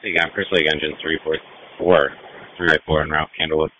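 A man's voice: rumbling low, little pitch movement, brisk, phone-quality sound. A man on an engine crew giving clipped status reports over a noisy two-way radio.

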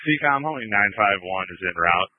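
A man's voice: lowish voice, lively intonation, moderate pace, no echo. A man giving terse, procedural replies over a two-way radio. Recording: narrow, tinny radio channel.

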